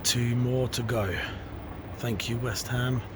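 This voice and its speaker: A young man, vlogging casually in a hurried, chatty way outside, sometimes half-whispering. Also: mid-range voice, fairly even intonation. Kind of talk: casual vlog to camera. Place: outdoors by busy city streets. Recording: loud traffic and street noise.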